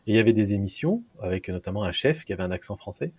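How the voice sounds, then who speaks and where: A man's voice: fairly low pitch, expressive, racing, darkish tone, breathy edge. A man hosting a podcast, interviewing his guest casually, thinking aloud with frequent fillers. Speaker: podcast host.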